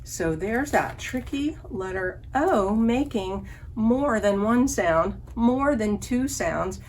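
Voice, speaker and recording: Speaking slowly and animatedly at medium pitch, a librarian runs an online story time for little kids, with a little hiss or hum in the audio. She offers easy instructions and poses questions to the children. It's an online lesson for children, complete with songs.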